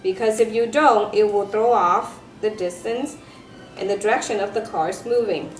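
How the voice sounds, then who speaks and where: A woman giving a step-by-step craft lesson for children, speaking like a bright kids' presenter and teacher. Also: mid-range voice, moderate pace. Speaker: elementary science teacher presenting a craft tutorial. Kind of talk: step-by-step instructional demonstration for children. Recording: roomy echo with music behind.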